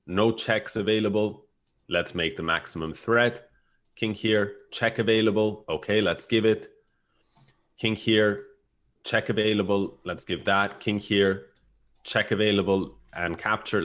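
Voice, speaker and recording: Man, very low voice, chess coach, step-by-step explanations, dry sarcastic humor. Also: fairly bright tone. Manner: explanatory, walks through moves step by step. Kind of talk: online chess lesson.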